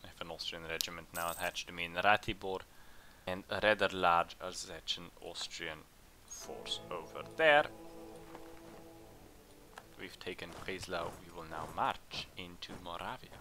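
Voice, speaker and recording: A man hosting a let's play, chatting casually and thinking aloud as he plays, with bursts of excitement in tense moments. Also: sits low, measured pace, faint music behind. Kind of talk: casual game commentary.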